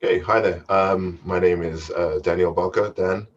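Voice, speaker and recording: A man from the UK introduces himself on a panel in a modest, loose way. His voice is very low, and the call audio sounds a bit dull. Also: steady tone, normal speed. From United Kingdom. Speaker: panelist, 3D artist. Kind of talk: casual self-introduction.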